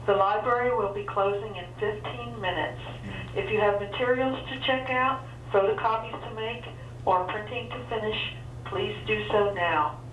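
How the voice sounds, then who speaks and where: Woman on a library PA, formal announcer delivery, dull distant loudspeaker sound with faint hum. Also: medium pitch, moderate pace. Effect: over the library intercom. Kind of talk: public closing announcement. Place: public library, large indoor space. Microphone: building PA system, picked up by a distant recorder. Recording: muffled echoey loudspeaker heard from far off.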